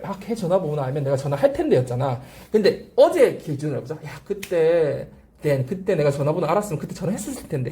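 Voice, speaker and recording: Lively, warm-voiced English teacher drilling a class. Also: medium pitch. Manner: drills pronunciation, repeating phrases and prompting the class; asks frequent rhetorical check-questions. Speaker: English teacher at a language academy. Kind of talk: classroom grammar lecture.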